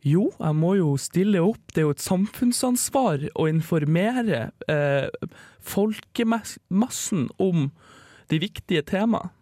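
A woman's voice: lowish voice, expressive, mellow, dry recording, clean studio sound. A woman playing an earnest, self-important radio guest who lectures with hesitant fillers.

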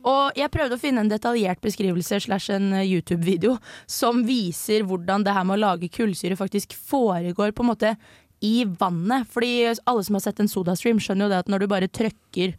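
A woman's voice: mid-range voice, a little mellow, no room sound. A young woman from Norway co-hosting a student radio talk show in a studio, explaining things in a chatty way with hesitations and self-corrections. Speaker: co-host presenting research. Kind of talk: casual radio chat.

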